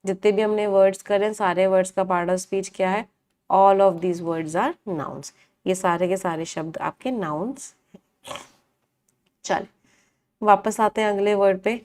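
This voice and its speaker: A woman's voice: medium pitch, steady tone, normal speed, pauses often, a little mellow. A woman teaching English vocabulary in a live online class, asking the class questions, answering them herself and repeating each meaning.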